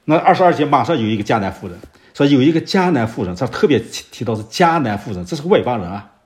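Very animated and medium-pitched, a male preacher works through Scripture in an expository sermon. He poses rhetorical questions and occasionally pauses with fillers while locating references.

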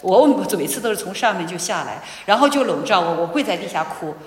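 A woman giving a personal testimony in church, telling her story with animated storytelling and acted-out dialogue. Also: lowish voice, quick pace. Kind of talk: sermon testimony. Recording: echoey hall.

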